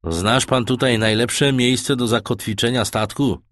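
A man's voice: medium pitch, steady tone, measured pace, a bit bright, dry recording, clean studio sound, lightly acted. A man voicing a brusque, doubting middle-aged ship's master in an audiobook. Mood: doubtful.

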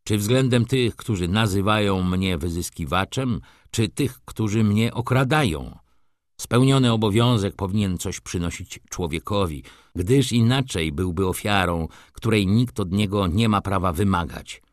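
A man's voice: lowish voice, unhurried, no room sound, studio quality, natural voice. A man reading an audiobook, voicing a bitter, proud middle-aged male merchant who speaks indignantly and with emphasis.

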